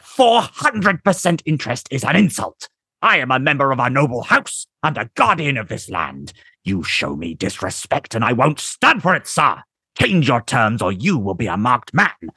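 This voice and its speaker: A man's voice: mid-range voice, big pitch swings, normal speed, sharp tone, husky, dry recording, pitched above the performer's own voice, exaggerated voice. A man reading a story aloud, voicing a furious, proud male noble commander who barks outraged threats.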